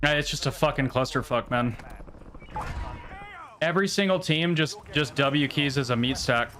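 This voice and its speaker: A man's voice: mid-range voice, moderate pace, fairly bright tone. A man streaming a battle royale game live, giving casual commentary in gamer slang, often swearing when frustrated.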